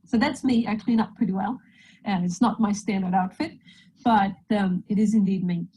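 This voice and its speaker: Over a video call, a Swedish woman with a Swedish accent gives a friendly, joking talk as a guest presenter, sliding easily through it. Her mid-range voice is dark, slightly rough and steady, at a moderate pace. The recording itself is rough.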